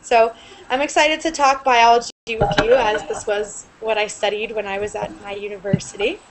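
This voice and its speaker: A young woman teaching an online English class over a video call with earbuds, explaining clearly and upbeat. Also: on the high side, steady tone, moderate pace, crowd noise. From United States. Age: young adult. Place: small room indoors. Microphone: earbud headset on a video call.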